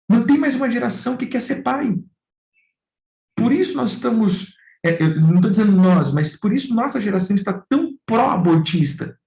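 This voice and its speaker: A man's voice: sits high, creaky, darkish tone, roomy sound, poor audio. A man with a Brazilian Portuguese accent preaching a sermon, firing off rhetorical questions and calling his listeners brothers and dear ones. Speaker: pastor.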